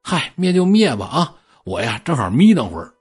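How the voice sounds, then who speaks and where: A man's voice: medium pitch, big pitch swings, moderate pace, breathy edge, soft background music. A man doing a swaggering, bossy old-time tax collector. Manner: loud, swaggering, ordering people about. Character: brash, bossy Qing-era male tax collector.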